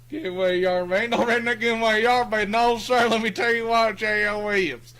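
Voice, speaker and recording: A bragging, rambling hillbilly host with a folksy drawl, as a man puts him on. The voice sits high and sounds bright and twangy, full of fillers and chuckles. He talks like a character on a homemade live stream. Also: expressive, normal speed.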